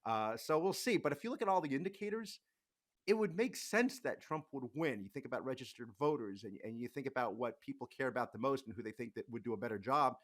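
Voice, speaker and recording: A young man guest on a radio show, with a rough morning voice, talking candidly and thinking aloud about the race. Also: mid-range voice, animated, fast talker. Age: young adult. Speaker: guest, podcast co-host and editor. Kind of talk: casual political chat.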